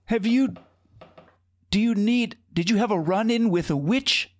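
A performer doing a slow, prim shopkeeper. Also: medium pitch, no room sound, lightly acted. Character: curious, oddly formal shopkeeper. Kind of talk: comedic improv character.

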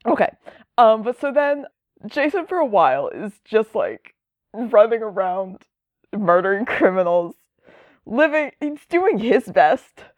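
A woman's voice: a little high, big pitch swings, measured pace, no echo, narrow, tinny audio. A woman chatting casually as a podcast host, rambling and enthusiastic. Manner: rambling, enthusiastic, lots of fillers. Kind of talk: casual chat.

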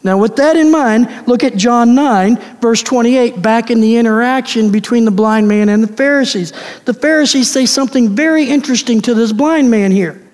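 A man preaching a sermon as pastor, emphatic, slowing down to stress key words. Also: very high-pitched, darkish tone. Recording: long reverb of a large hall.

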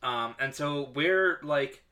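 A man's voice: on the high side, sharp tone, smooth. A young man co-hosting a podcast, chatting casually and teasing his co-host. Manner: playful, teasing, quick interjections. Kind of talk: casual chat.

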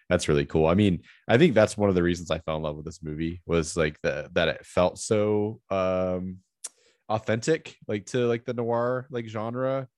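A deep, croaky American man hosts a casual film podcast. His voice is froggy and sniffly from a cold. He talks in a chatty way with asides, in a dry, close sound. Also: darkish tone, no room sound. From southeastern United States. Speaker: podcast host.

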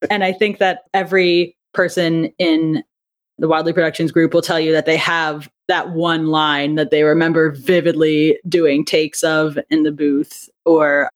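A young adult woman, an audio drama writer and director, is a casual interview guest who giggles and talks a lot. Her voice is low with a level tone and a measured pace.

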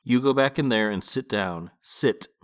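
A man's voice: mid-range voice, unhurried, smooth, lightly acted. A man reading a stern, bossy older woman. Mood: scolding. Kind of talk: podcast book reading.

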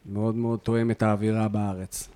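A man's voice: on the low side, little pitch movement, warm tone. A podcast host in casual chat, cutting in with jokes and repeating his guest's phrases back.

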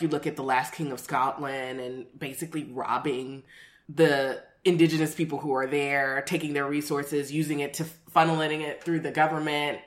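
A woman in casual discussion who speaks in a measured, deliberate way, with occasional fillers. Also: sits low, a bit bright. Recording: echoey room.

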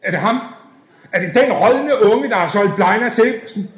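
Casting: man doing a sneering, high-voiced foul-mouthed tough, echoey recording. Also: lively intonation. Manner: sneering, wordy insults. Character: cocky, foul-mouthed young male tough. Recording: dull echoey room recording.

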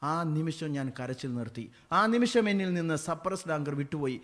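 High-voiced Malayali priest preaching. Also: male voice, expressive, brisk. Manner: swings between loud preaching and quiet storytelling. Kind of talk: sermon.

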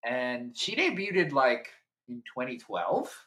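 A man's voice: mid-range voice, very animated, slow, pushed and bright. A man co-hosting a podcast in casual chat, hesitant, with many fillers and self-corrections. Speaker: podcast co-host.

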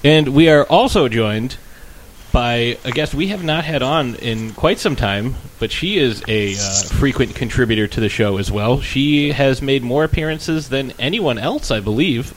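Man, mid-pitched, podcast host, rambling dry humor, casual banter, slight background noise. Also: animated, normal speed, poor audio. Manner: rambling, dry joking introductions.

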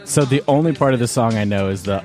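A man's voice: mid-range voice, fast, a little mellow, soft background music. A man, hosting a casual movie chat and rambling through his points with lots of fillers. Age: 30s. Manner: rambling, loose, many fillers. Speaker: podcast host.

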